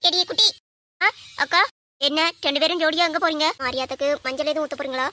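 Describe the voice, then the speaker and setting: A lively, teasing young woman, voiced by a woman chats in a very high, bright voice. Her lines come quickly and with energy. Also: dry recording. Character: young woman, nurse and playful married sister. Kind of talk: Tamil audio drama acting.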